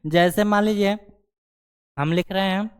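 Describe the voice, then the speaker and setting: Slow, smooth-voiced male Hindi grammar teacher. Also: high-pitched, fairly even intonation. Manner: repeats "ठीक है ना" as a check-in filler. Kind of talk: slow explanatory grammar lesson.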